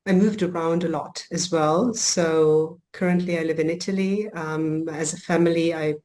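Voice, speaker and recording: A woman's voice: low-pitched, steady tone, moderate pace, darkish tone. A woman from Germany, a coach and healer, talking reflectively in a podcast interview with frequent ums and restarts.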